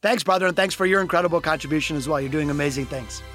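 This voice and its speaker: A man's voice: fairly high pitch, very fast, pushed and bright, soft background music. A man being interviewed on a podcast, speaking earnestly and humbly with frequent restarts. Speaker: podcast guest. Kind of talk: reflective interview talk.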